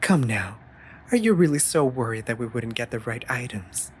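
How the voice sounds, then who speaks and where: Here the same sassy, exasperated but loyal raven familiar scolds the listener with theatrical formality, voiced by a woman in a scripted fantasy audio drama. Her delivery is rumbling low and expressive at a normal pace, with a little hiss or hum behind it.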